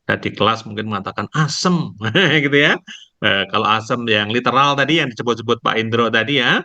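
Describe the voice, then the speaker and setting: A male university lecturer giving an online lecture, explaining slowly and tagging nearly every phrase with a questioning "ya". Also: medium pitch, bright, forceful tone. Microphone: video call. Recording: dull lo-fi online call audio.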